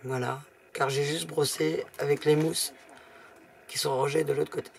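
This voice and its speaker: Woman, craft tutorial host, casual step-by-step talk, gravelly tone, light asides. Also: deep voice, steady tone, moderate pace, a little hiss or hum. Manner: chatty, explains as she works, light asides.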